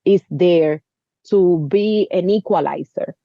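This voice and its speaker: A woman's voice: fairly low pitch, takes it slowly, dry recording, lo-fi sound. A woman in her thirties from the Dominican Republic, speaking earnestly as an interview guest, often saying "you know.". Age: 30s. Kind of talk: conversational interview.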